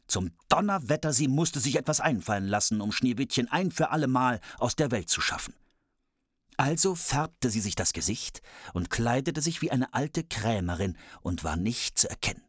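Someone reading a fairy tale aloud in a lively, playful way, adding cheeky asides. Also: mid-range voice, normal speed, breathy edge, no echo, clean studio sound. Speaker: storyteller.

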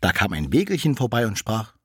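A narrator reading a fairy tale aloud in a lively, animated way. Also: medium pitch, fairly quick, slightly rough, no room sound, studio quality.

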